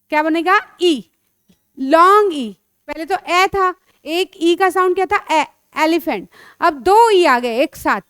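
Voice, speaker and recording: A woman teaching children phonics, sounding out letters slowly and coaxing the pupils along. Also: extremely high pitch, fairly bright tone, no echo, studio quality. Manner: slow, drawn-out sounding of letters; coaxing, calls pupils beta.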